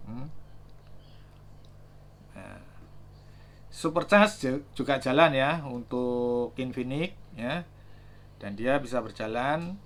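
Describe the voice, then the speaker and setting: Slow-talking man demoing gadgets. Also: medium pitch, a bit bright. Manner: thinks aloud, reads out numbers, many fillers. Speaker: gadget reviewer. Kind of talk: casual product demo.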